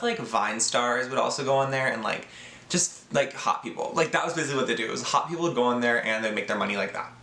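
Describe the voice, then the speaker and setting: A man's voice: mid-range voice, sharp tone, echoey room. A young man telling a personal story in a casual vlog, chatty and joking, with lots of fillers. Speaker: YouTuber.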